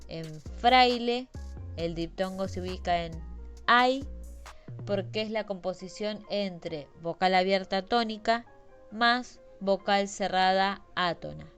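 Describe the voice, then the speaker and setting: A woman teaching a Spanish grammar lesson, explaining slowly and carefully and stressing each example word. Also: mid-range voice, faint music behind.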